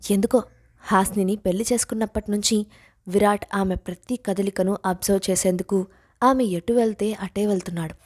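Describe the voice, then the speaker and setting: A woman storyteller giving an expressive dramatic narration of a suspense story. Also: mid-range voice, fairly quick.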